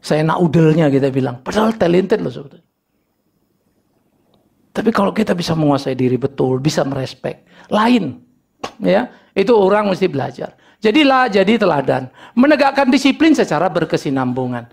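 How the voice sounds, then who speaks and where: A middle-aged man preaching a sermon, telling lively stories about family life and acting out little dialogues with humor. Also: a little high, normal speed, vocal fry, pauses often, husky. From North Sumatra, Indonesia. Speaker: pastor.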